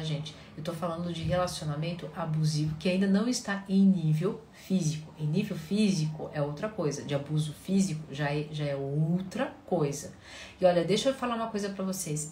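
Woman therapist talking to a crowd, tells client stories w/ big lively pitch jumps, roomy echo, a bit of noise behind. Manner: animated storytelling, acts out client quotes. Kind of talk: talk to an audience. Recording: roomy with faint background noise.

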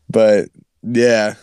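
A man's voice: fairly low pitch, a little mellow. A young man on a sports podcast who rambles, loses his words and giggles as he talks. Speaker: podcast co-host. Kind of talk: casual sports chat.

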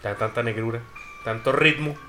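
Man, Mexican accent, bright voice, teasing slangy podcast co-host, casual chat. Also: medium pitch, normal speed, faint music behind. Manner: joking, slangy, questioning.

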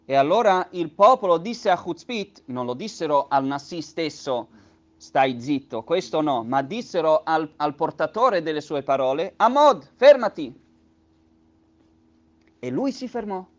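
A man's voice: a little high, lively intonation, moderate pace. A man teaching a lesson on a religious text. He reads each phrase in Hebrew and then explains it at length, with many patient restatements. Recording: dull lo-fi recording.

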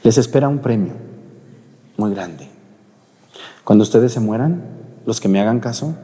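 A middle-aged priest with a Mexican accent preaches a sermon, telling a story and speaking straight to the congregation. His voice is warm and mellow. It rings with a long reverb in a church. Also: mid-range voice, normal speed. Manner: storytelling, direct address to the congregation.

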